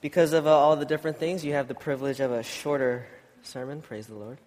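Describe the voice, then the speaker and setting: A man's voice: mid-range voice, fairly even intonation, fast talker, darkish tone, slight background noise. A man preaching in an informal, conversational and slightly hesitant way, with a congested, nasal voice. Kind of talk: informal church sermon with scripture reading and prayer. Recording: long hall reverb.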